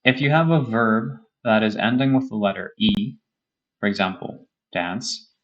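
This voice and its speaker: A man's voice: on the low side, a little slow, muffled recording. A man teaching a beginner English grammar lesson, explaining patiently and often checking in with "okay?" and "right?".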